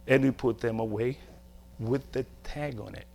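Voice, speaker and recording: This sermon comes from a middle-aged man from Brazil who speaks Portuguese natively and has a Brazilian accent, preaching emphatically through short phrases and rhetorical questions. His mid-range voice is steady, creaky and mellow at a moderate pace, with a little hiss or hum.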